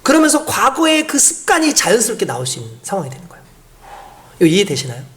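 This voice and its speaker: A woman's voice: mid-range voice, huge pitch swings, fast talker. A woman pastor preaching a sermon, explaining step by step and asking the congregation rhetorical questions.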